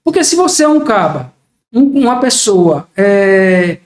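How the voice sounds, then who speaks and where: An older man speaking at a high pitch, explaining his points in a reflective way and acting out small everyday exchanges. The room around him is noticeably echoey. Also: big pitch swings, measured pace. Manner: reflective, explains with acted-out examples. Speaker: podcast guest. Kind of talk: casual podcast conversation.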